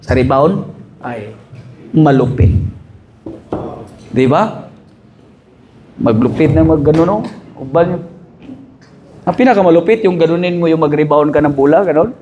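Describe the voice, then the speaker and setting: A man pastor preaching a conference sermon in a church, jokey and animated, mixing in English phrases and asking "amen?" often. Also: a little high, unhurried, long pauses, muffled recording, background noise. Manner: mixes Tagalog with English phrases.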